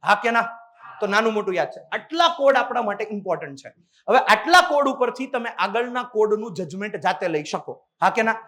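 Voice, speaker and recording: A male teacher giving a lively classroom lecture, drilling the class with call-and-response questions and often calling out to the students. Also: high voice, brisk.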